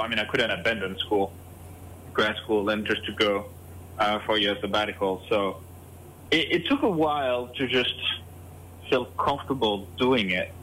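Guest with a French accent, thirties, bright tense voice, hesitant and restarting. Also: male voice, fairly low pitch, slight background noise, poor audio. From France. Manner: hesitant, many fillers and restarts. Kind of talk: casual interview answers.

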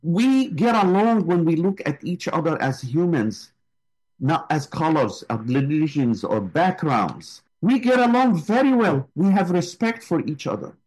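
A man's voice: a little high, sing-song, unhurried, a little mellow, low-quality recording. A man, a guest speaking with passion and emphasis in an interview. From Gaza. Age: 60s. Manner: impassioned, emphatic. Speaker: guest, flotilla volunteer. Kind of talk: interview answers.

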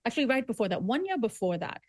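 Earnest woman, emphatic and fairly high-voiced. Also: big pitch swings, fast, darkish tone, no echo. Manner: earnest, emphatic, building arguments with repetitions. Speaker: author guest. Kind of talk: conversational interview.

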